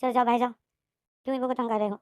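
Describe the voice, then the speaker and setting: A woman's voice: fairly high pitch, level tone, racing, a little mellow, clean tone, no echo, clean studio sound, lightly acted. Woman reading as a strict scolding teacher. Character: strict female school librarian teacher.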